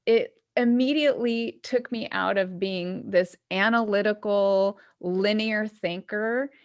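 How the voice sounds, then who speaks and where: A woman's voice: medium pitch, takes it slowly. A woman hosting a podcast, talking in a reflective, thinking-aloud way. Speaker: podcast host. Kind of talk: casual chat.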